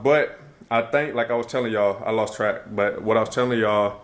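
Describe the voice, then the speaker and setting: Young man, low-pitched voice, laid-back slangy vlog talk, rambling. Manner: rambling, loose, thinks out loud and corrects himself. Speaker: vlogger. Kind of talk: casual vlog talk to camera. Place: at home, then in a car before dawn.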